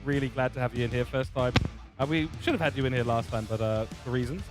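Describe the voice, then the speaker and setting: A man's voice: mid-range voice, fast, over music. Chatty New commentator man. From New Zealand. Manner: chatty, jokey, many fillers. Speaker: race commentator. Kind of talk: sim racing broadcast sign-off.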